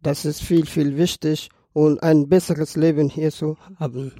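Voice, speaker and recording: A native Dari speaker from Afghanistan, in his early twenties, gives a personal account during a podcast chat, with an Afghan accent and non-native phrasing. His dark, slightly high voice stays level and a little slow. Audio is dry and studio quality.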